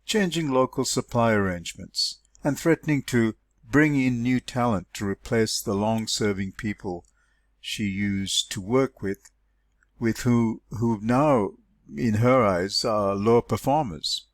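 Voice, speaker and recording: A man's voice: fairly low pitch, a little slow, no room sound, natural voice. Puzzled businessman musing aloud, read by a man. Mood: sceptical, musing. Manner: conversational, questioning, musing. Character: puzzled, sceptical male business colleague at a bar. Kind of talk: story dialogue read aloud.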